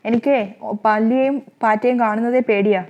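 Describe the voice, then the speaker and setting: A timid, fussy young wife, voiced by a woman narrator, whining fearfully in a high, raised voice. The sound is a little dull and lo-fi. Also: fairly even intonation, normal speed, lightly acted. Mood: scared. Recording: slightly muffled lo-fi recording.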